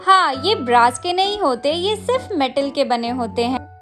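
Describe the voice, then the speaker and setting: An enthusiastic woman narrates a market-tour vlog in a high, bright voice. She speaks straight to her viewers, and faint music plays under her narration. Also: animated, moderate pace. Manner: enthusiastic, addresses viewers directly. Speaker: travel vlogger.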